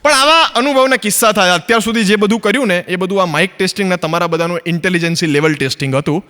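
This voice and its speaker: A man's voice: high voice, fast, sharp tone, in a large hall. A man from Ahmedabad with an Ahmedabadi Gujarati accent doing a stand-up comedy monologue, chatty and acting out both sides of his stories. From Ahmedabad, Gujarat, India. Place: stage, filmed for a comedy recording.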